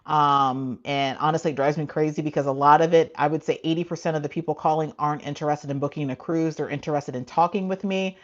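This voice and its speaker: A cruise travel agent hosts a casual live-stream Q&A, talking frankly with many asides and frequent laughs. Her low, steady voice moves fast with few pauses, and the highs are cut off.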